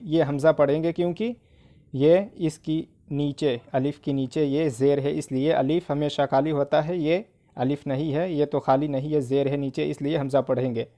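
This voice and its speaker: A man teaching Quran reading, with an Indian accent. He spells out letters and vowel marks in slow drills and speeds up when he explains a rule. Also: fairly high pitch, dark tone.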